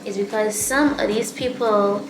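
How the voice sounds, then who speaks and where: A young woman with a Barbadian accent keeps a steady tone and moderate pace in her mid-range voice, over a noisy background. She's recording a close-up video diary in quarantine, weary and frustrated, downcast and sighing.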